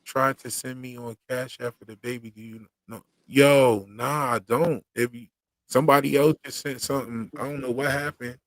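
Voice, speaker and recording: Moderately paced and steady in tone, this man's medium-pitched voice is a bit bright, with no echo in the audio. He hosts his own channel's livestream on YouTube, chatting casually in slangy, rhythmic talk, and says he once stuttered heavily.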